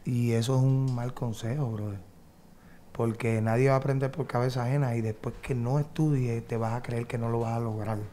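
A man's voice: mid-range voice, steady tone, brisk, warm tone, echoey room, a little hiss or hum. A man giving heartfelt advice in a casual interview, emphatic and repetitive. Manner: emphatic, repeats points, peppers with "brother" and "¿entiendes?". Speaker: guest artist.

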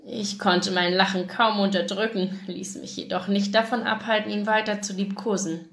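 A woman's voice: medium pitch, steady tone, normal speed, a bit bright. A woman with a German accent giving a live reading of a romance novel, narrating in first person and acting out the dialogue. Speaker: reader of a novel. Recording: echoey room.

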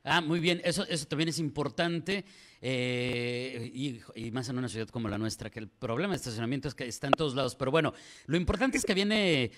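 Mexican radio host asking long questions. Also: male voice, medium pitch, a little fast, a bit bright, a little hiss or hum. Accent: Mexican Spanish. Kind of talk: morning radio interview. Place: small radio studio. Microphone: studio mic on stand.

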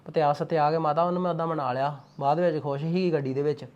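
A man's voice: fairly high pitch, fairly even intonation, a little mellow, dull audio, lightly acted. An actor playing a young Punjabi farmer with a Punjabi accent, talking with his mother and wife in a family drama. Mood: calm. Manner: fast, assertive, dismissive when irritated. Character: young Punjabi farmer, stubborn, short-tempered husband. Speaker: young farmer son and husband. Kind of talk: Punjabi web drama acting.

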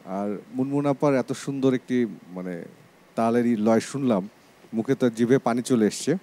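A man's voice: medium pitch, normal speed, mellow. A man judging a comedy show, giving friendly advice with a Bangladeshi Bengali accent. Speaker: judge. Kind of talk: judge's feedback.

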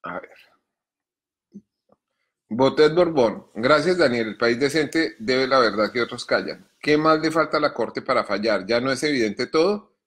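A man, reading his news column in a measured, deliberate way, then answering viewer questions between coughing fits. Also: medium pitch, expressive, fairly bright tone. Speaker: journalist columnist.

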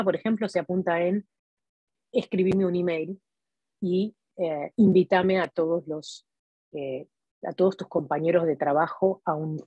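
A woman's voice: fairly low pitch, a little mellow, husky, no echo, highs cut off. A woman tutoring for a language exam, explaining step by step and checking in with her listeners. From Argentina. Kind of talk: explanatory teaching talk to viewers.

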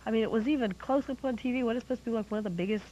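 A woman's voice: on the high side, rapid-fire, warm tone. A woman co-hosting a casual chat, opinionated and teasing. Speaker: co-host. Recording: dull lo-fi 1990s cable recording with faint hiss.

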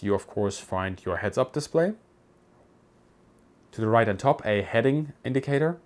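This presenter's fairly low male voice explains things at a measured pace, scripted and even, much like a documentary tour. It is a voice-over recorded somewhere other than the pictured cockpit.

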